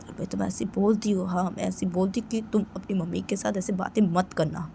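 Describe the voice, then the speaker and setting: A woman voicing an angry young woman who keeps repeating herself, loud and indignant, in a homemade storytelling video. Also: medium pitch, steady tone, a little fast, gravelly, slight background noise, natural voice. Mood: upset. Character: young woman, furious at her own mother.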